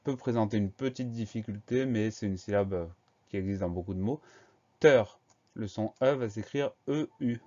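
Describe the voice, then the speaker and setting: A man's voice: lowish voice, darkish tone. A man teaching a spelling lesson, patiently spelling out words letter by letter before giving a dictation. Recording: dull lo-fi recording.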